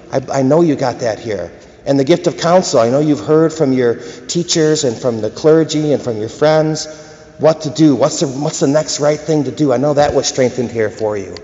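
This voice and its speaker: A male priest reading the Gospel and preaching at Mass in a measured, gentle way with small restarts, his voice ringing in a cathedral echo. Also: mid-range voice. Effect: cathedral echo, long church reverb. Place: large church during Mass. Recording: echoey church hall, dull muffled sound.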